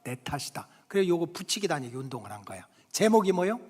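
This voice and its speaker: A middle-aged man preaching a sermon in a church, telling stories in a chatty way and checking in with the congregation, his delivery swinging between loud exclamations and hushed whispers. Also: high voice, big pitch swings, quick pace, breathy edge. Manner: colloquial storytelling, frequent "응?" to the congregation. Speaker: pastor. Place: church sanctuary. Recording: long hall reverb of a church sanctuary.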